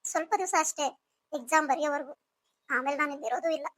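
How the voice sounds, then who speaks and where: A woman's voice: sits high, fairly even intonation, fast talker, fairly bright tone. A woman voicing a hurt, bitter young pregnant wife in a cartoon story, speaking in a reproachful, pleading way.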